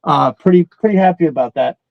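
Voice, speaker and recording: A man hosts a casual toy collecting livestream, rambling with slangy enthusiasm. His voice is a little high, brisk and gravelly, and the lo-fi recording has no room sound.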